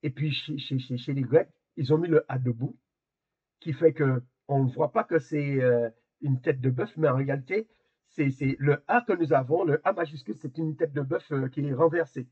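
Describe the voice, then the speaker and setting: A man teaches a Hebrew class over a video call, his husky voice sitting fairly high. He explains haltingly, repeating small words as he searches for the next one. The call audio sounds dull and lo-fi.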